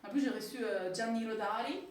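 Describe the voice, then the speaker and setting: A woman's voice: a little high, brisk, slight background noise. Italian lady chatting to a room, lots of euh and restarts, very echoey, far from the mic. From Italy. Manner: hesitant, many fillers and restarts. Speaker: author-illustrator. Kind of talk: casual public talk. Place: community hall with audience.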